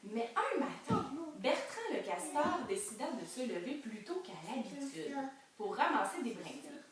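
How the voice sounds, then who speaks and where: A woman's voice: fairly high pitch, normal speed, a loud crowd. A young woman with a Québécois French accent, reading a picture book to preschoolers and coaxing them with questions. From Quebec. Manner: animated, coaxing, asks children questions. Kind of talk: interactive storybook reading to small children. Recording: echoey room from far off, noisy.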